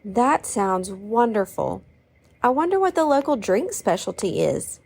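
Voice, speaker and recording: A woman speaking her part in a hobby audio story with eager friendliness. Her voice sits a little higher than most women's. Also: big pitch swings, unhurried, a little mellow.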